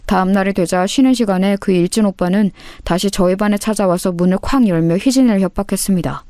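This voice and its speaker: A woman narrating a scripted audio story in a calm, measured way. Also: medium pitch, smooth, no room sound, studio quality.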